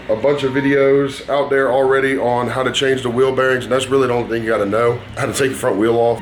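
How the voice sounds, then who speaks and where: A man with a folksy Southern hillbilly drawl talks at length in a casual how-to manner. He rambles along at a middling pitch. The recording has some background noise from the workshop around him. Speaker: motorcycle painter and builder presenting a how-to. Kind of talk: casual hands-on tutorial talk. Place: dingy workshop. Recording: noisy workshop ambience.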